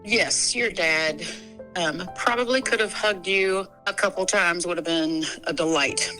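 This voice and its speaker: A woman, the host's mother, chatting casually in a gentle, matter-of-fact way. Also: on the low side, a little slow, soft background music, low-quality recording. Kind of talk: casual chat.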